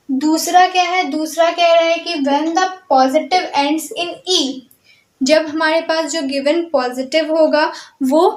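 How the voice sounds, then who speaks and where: This is a high-voiced woman with an Indian accent who teaches English grammar. She talks slowly and patiently, moving between Hindi and English and stopping often to check that listeners follow. Her voice rings in an echoey room. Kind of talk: online grammar lesson.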